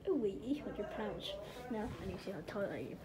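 A woman's voice: medium pitch, big pitch swings, brisk, a loud crowd. A woman narrating a playful self-filmed skit, nervously talking through every step. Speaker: skit maker.

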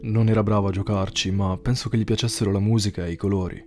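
A man narrating a horror story in a measured, somber scripted read. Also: fairly low pitch, steady tone, a little mellow, faint music behind.

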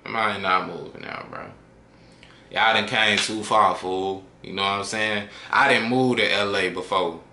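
Slangy low-voiced man in an echoey room. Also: steady tone, a little slow, bright, forceful tone. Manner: slangy, drawling, trails off to a mutter at line ends. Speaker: reaction video host. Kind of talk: casual reaction commentary.

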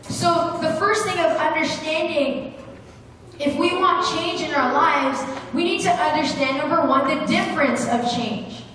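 A woman's voice: high voice, measured pace, fairly bright tone, slight background noise. A young woman preaching a sermon at a lectern with a handheld mic, earnest and gesturing, with fillers and restarts. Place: church hall with brick wall. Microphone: handheld microphone at a lectern, recorded from the room. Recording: echoey hall from far off.

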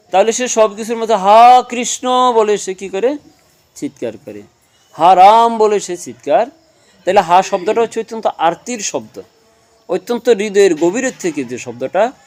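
A man's voice: sits high, a little mellow. A man giving a devotional talk, asking his listeners questions and answering them himself, explaining with everyday examples. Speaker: religious speaker.

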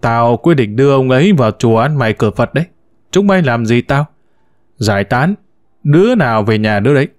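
A man's voice: mid-range voice, expressive, a little fast, darkish tone, no room sound, clean studio sound, natural voice. A man voicing an older widowed mother who scolds her grown sons with venom, in a storybook reading. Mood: defiant. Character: sharp-tongued older widow, furious mother.

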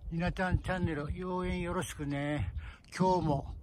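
A man's voice: fairly high pitch, fairly even intonation, normal speed, slight background noise. An older man with a Toyama accent casually narrating his walking vlog outdoors, politely addressing viewers as he films on a phone. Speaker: vlogger filming his walk.

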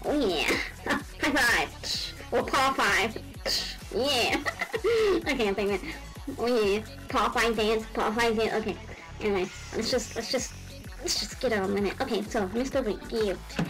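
A woman hosting a casual gaming vlog, excitable, giggly and rambling. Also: a little high, measured pace, soft background music, low-quality recording. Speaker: gaming video host.

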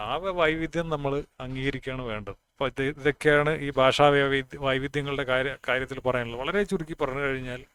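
A man's voice: mid-range voice, fast, hardly any pauses, a bit bright, clear, resonant tone. A man from northern Kerala giving a casual spoken talk, plainspoken and reasoning aloud, often restarting words. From Kasaragod, northern Kerala. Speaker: speaker on language.

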